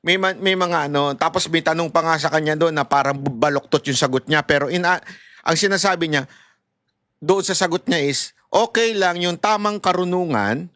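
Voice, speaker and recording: A middle-aged man from Manila with a loud voice, giving casual, animated political commentary as a vlogger. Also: on the high side, moderate pace, dry recording, clean studio sound. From Manila, Philippines. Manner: animated and chatty, laughs at his own asides.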